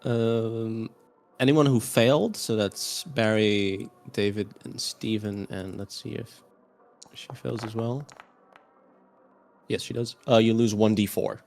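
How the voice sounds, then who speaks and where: A man narrating a tabletop horror game as game master, in a halting, casual way. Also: fairly low pitch, fairly even intonation, gravelly, a little mellow, faint music behind.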